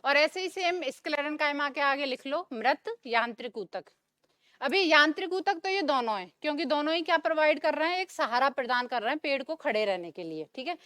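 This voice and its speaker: A woman's voice: high voice, animated, fairly quick, pushed and bright, dry recording, studio quality. A young woman teaching a classroom lecture, asking the class questions and answering them herself, repeating the key terms.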